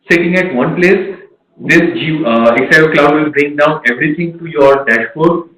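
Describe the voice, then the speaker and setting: A man answers audience questions in a technical webinar. His voice sits fairly high and sounds a bit roomy and echoey. He works through each point step by step, often restarting phrases and stopping to offer examples. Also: a bit bright. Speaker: webinar presenter. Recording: echoey room.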